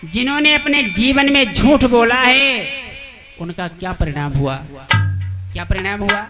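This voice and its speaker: A steadfast woman who will not give up the truth, voiced by a man telling a devotional story. She speaks firmly and resolutely in a very high, slow voice. Devotional music runs behind. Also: expressive.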